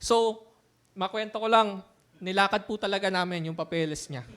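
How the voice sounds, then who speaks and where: A man's voice: high voice, normal speed, a bit bright, clear, resonant tone. A man, a pastor, telling a personal story in a sermon, mixing in English words and often laughing as he talks. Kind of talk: sermon testimony.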